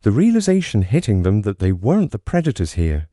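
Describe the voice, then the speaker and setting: A man's voice: lowish voice, huge pitch swings, a little fast, dark tone, no room sound, clean studio sound. A man reading a scripted first-person story aloud in a dramatic, suspenseful storytelling manner. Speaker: narrator.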